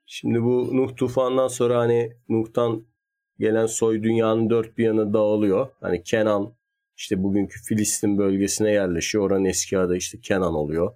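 A man's voice: lowish voice, level tone, normal speed, warm tone. A man in casual conversation, explaining history at length in a thoughtful, hedging way. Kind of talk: casual chat.

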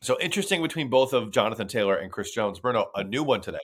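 A man's voice: medium pitch, lively intonation, quick pace, husky. A man co-hosting a sports podcast, chatting in a sarcastic, profane, conversational way. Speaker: podcast co-host. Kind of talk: casual sports chat.

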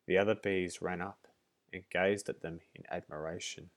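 A man reads a storybook aloud in a very deep, low voice. His delivery is steady and measured, as a narrator.

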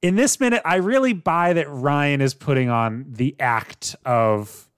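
A young man co-hosting a casual movie recap podcast, laughing often and telling stories in an animated way. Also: on the high side, unhurried, clean tone, dry recording, clean studio sound. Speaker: podcast co-host.

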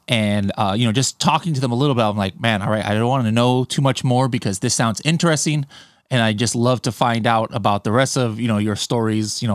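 A man's voice: mid-range voice, no echo. Rambling podcast host man, dry close mic. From United States. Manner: rambling, with many fillers and restarts. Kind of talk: unscripted podcast interview.

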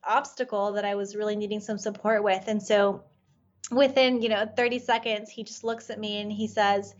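In a podcast interview, a woman whose first language is Farsi, working as a life coach, recounts a personal story earnestly and reflectively, leaning on "you know" a lot. She speaks at medium pitch and a moderate pace in a level tone, and the recording's highs are cut off.

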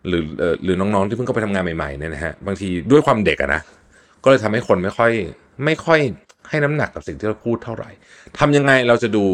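A man hosting a solo podcast, explaining tips in a chatty, casual way with frequent polite particles and repeated words. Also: lowish voice. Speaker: podcast host.

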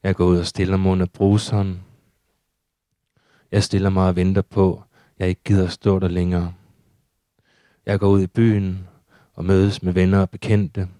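A man reading his own surreal prose poetry aloud in a steady, measured recitation. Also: low voice, no echo, clean studio sound.

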